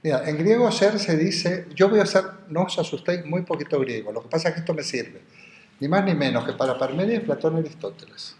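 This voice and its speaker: A man's voice: fairly high pitch, animated, a little mellow, a little hiss or hum. Man lecturing in an echoey classroom. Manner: digressive, explains Greek terms slowly, spells words out. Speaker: philosophy lecturer. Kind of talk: university lecture. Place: university classroom.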